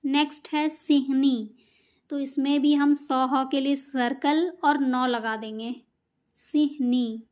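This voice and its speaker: High-voiced woman teaching slowly. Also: steady tone, a little mellow. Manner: patient, repetitive explaining with examples. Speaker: shorthand teacher. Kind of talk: step-by-step lesson explanation.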